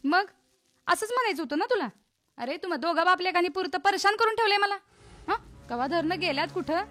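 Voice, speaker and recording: A woman's voice: very high voice, animated, fairly quick, fairly bright tone. An actress playing a worried poor village mother, nagging and anxious. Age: middle-aged.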